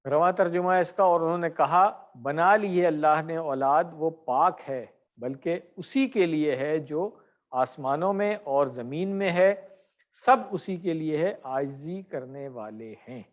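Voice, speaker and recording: A middle-aged man teaching Arabic grammar in an online class, correcting and quizzing his students by name. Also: fairly high pitch.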